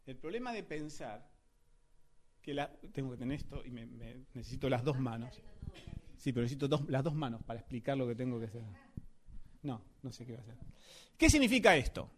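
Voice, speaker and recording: A man's voice: medium pitch, a bit bright. A man preaching a sermon, emphatic and often asking his listeners questions. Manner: emphatic, asks the audience questions.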